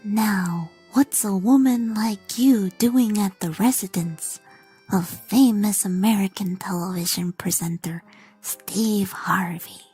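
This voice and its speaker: A woman's voice: takes it slowly, dark tone, breathy edge, faint music behind. A woman voicing a menacing man from the shadows, in whispered role-play. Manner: low, stalking whisper.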